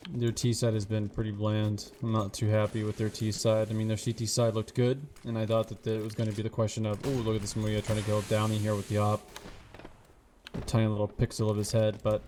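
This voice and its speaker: A man's voice: on the low side, darkish tone, slight background noise. A man giving chatty color commentary on an esports match, laughing and making confident predictions. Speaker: esports analyst caster.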